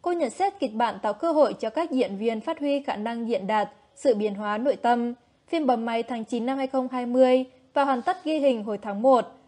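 A woman with a somewhat high voice narrates entertainment gossip news. Her delivery is steady and even, read from a script. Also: moderate pace.

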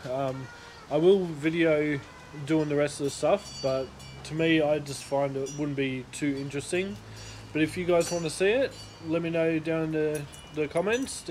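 A relaxed man narrates his car restoration as he works in a home garage, chatting loosely and thinking aloud. His voice sits a little high for a man. It is picked up on a phone or action camera, with a faint hiss behind it. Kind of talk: casual workshop commentary.

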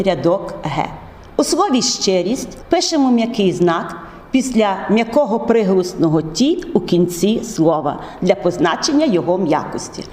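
A woman teacher explaining spelling rules step by step, in a measured, methodical way. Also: medium pitch, darkish tone. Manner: measured, methodical, drawn-out words. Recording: echoey room with long reverb.

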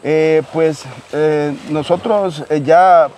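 A middle-aged man with a Salvadoran accent, plainly and haltingly explaining work as a guide, recorded outdoors. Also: a little high, fairly even intonation, a little mellow. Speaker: guide, indigo farm worker. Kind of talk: informal explanation in an interview. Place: outdoors on a rural hacienda. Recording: outdoor recording with faint background noise.

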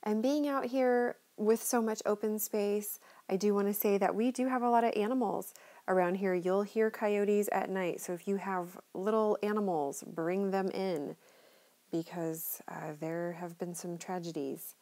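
A woman's voice: mid-range voice, steady tone, a little slow, dark tone. A middle-aged woman chatting enthusiastically as she narrates a tour of her neighborhood from inside a moving car. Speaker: local real estate tour guide.

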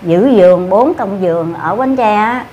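An older woman with a Southern Vietnamese accent, being interviewed, tells the story of an event casually, rambling and repeating herself with plenty of fillers. Her medium-pitched voice is expressive and mellow at a normal speed, with a little hiss or hum.

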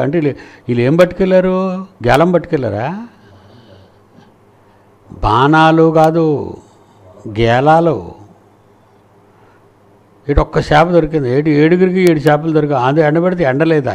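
Gravelly preacher man. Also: on the high side, darkish tone. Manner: storytelling, acts out nursery rhymes in sing-song voices. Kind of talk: sermon.

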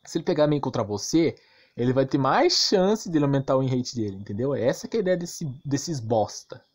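A gaming YouTuber with a Brazilian accent rants through casual game commentary in an animated, husky, mid-range voice at a fairly quick pace. His talk is slangy and crude, emphatic and repetitive, peppered with rhetorical questions.

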